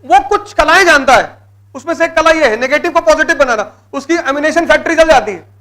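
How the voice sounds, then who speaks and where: A man's voice: very high voice, expressive, a little fast, bright, forceful tone. A middle-aged man giving a motivational lecture to exam students, exhorting them with blunt commands and repeating key words for emphasis.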